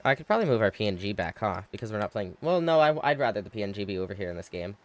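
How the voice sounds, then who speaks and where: A man's voice: lowish voice, big pitch swings, rapid-fire. A man streaming a strategy game, chatting casually with his viewers and thinking aloud with frequent exclamations, sounding a little tired. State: yawning, tired. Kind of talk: casual live gameplay commentary.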